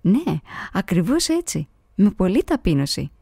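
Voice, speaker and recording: A woman voicing a kindly male monk elder in his sixties, who talks in a soft, fatherly way. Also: medium pitch, sing-song, slightly rough, no room sound, studio quality. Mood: gentle, fatherly.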